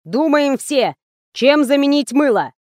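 A woman voicing a hot-tempered male film director who barks orders and shouts. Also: sits high, animated, measured pace, no echo, studio quality, voice pushed up. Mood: bossy shouting. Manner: shouting, bossy, explosive.

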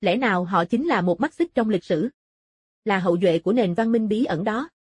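A woman reading a curious male ruins explorer, husky. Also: medium pitch, expressive, moderate pace, a little mellow, no echo. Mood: musing. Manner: thoughtful, explaining. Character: curious adult male former lawyer turned ruins explorer.

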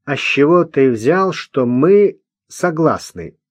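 Wry, doubting grown man in an audiobook, read by a male narrator, a bit higher. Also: expressive, takes it slowly, no room sound, studio quality.

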